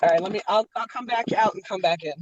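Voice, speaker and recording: A woman's voice: mid-range voice, no room sound. Woman calling in on a car speakerphone. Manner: halting, with many ums. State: driving, pulling over. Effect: car speakerphone, muffled like a tunnel. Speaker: caller. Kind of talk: casual call-in chat.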